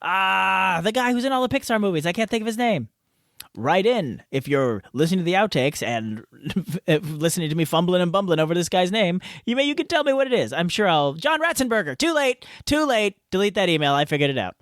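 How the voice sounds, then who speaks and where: Man, podcast host, playful, self-mocking, lively, very dry recording. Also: high voice, fairly quick, no room sound. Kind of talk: outtakes, joking self-talk. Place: hot home garage studio.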